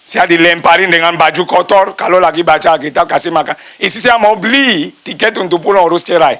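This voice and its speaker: A middle-aged man, a pastor, preaching a storytelling testimony sermon that swings between loud and soft while he addresses the congregation directly. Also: high-pitched, a little fast.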